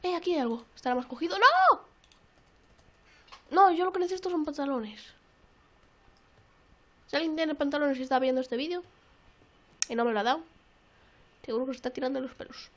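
Young woman, high voice, excitable gameplay commentary, repeats herself. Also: quick pace, long pauses. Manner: excitable, repeats phrases, swears often. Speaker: gaming YouTuber. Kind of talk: casual let's-play commentary.

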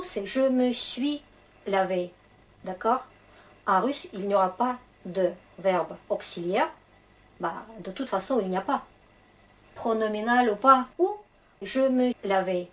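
Russian accent lady teacher, slow patient grammar explaining, kinda high voice. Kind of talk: grammar lesson for French speakers.

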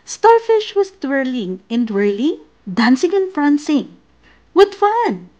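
A woman narrating a bedtime story in a gentle, sing-song, expressive way. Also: sits high, unhurried, dull audio.

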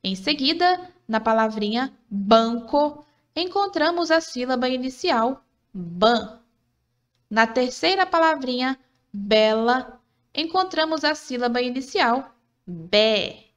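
A woman's voice: sits high, animated, fairly bright tone, highs cut off. A woman narrating a scripted literacy lesson for children, patient and encouraging, sounding out syllables one by one. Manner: slow, patient, syllable-by-syllable teaching; encouraging, asks questions then answers them.

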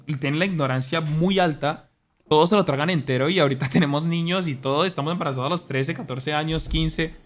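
A young man streaming, talking earnestly to his chat in an animated, preachy way. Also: on the high side. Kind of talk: casual monologue to stream chat. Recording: faint music behind.

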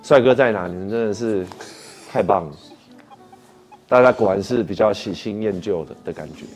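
A man's voice: on the low side, moderate pace. A man casually hosting a live stretching session, chatty and often checking in with questions. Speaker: fitness livestream host. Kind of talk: casual livestream chat and stretching instruction. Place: indoor home-style studio, seated on mat. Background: faint music.

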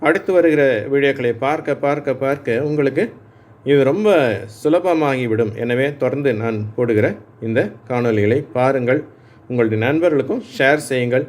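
A man with a Tamil accent teaching English letter sounds, speaking slowly, repeating each sound and checking that his learners follow. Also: mid-range voice, a little mellow. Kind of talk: patient classroom lesson.

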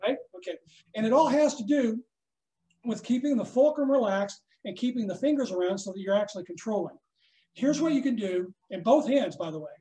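A man teaching a snare drum masterclass, coaching a student hands-on and checking in often with a quick "okay?". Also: high voice, lively intonation, dark tone. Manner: instructive, checks in with frequent "okay?". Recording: echoey room.

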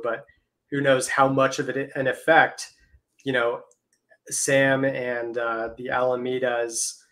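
A man's voice: medium pitch, fairly bright tone. A man talking through crypto market charts on a livestream video call, explaining step by step.

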